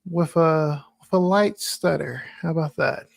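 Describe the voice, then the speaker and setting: A man's voice: a little high, measured pace, creaky, no room sound, studio quality. A man co-hosting a tech podcast, talking casually and hesitantly, searching for words. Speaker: podcast co-host.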